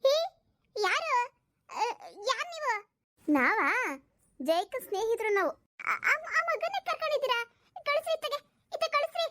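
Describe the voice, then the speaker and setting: A woman's voice: very high-pitched, big pitch swings, normal speed, pauses often, pushed and bright, no echo, studio quality, exaggerated voice. Woman voicing blunt scolding village women. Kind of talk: cartoon voice acting.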